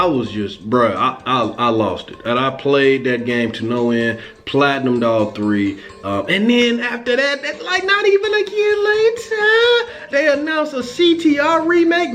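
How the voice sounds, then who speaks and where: Excitable slangy young man, slightly high voice. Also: measured pace, hardly any pauses, soft background music. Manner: excitable, slangy, repeats "bruh" and "you know what I'm saying". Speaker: video game reviewer. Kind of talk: casual game review vlog.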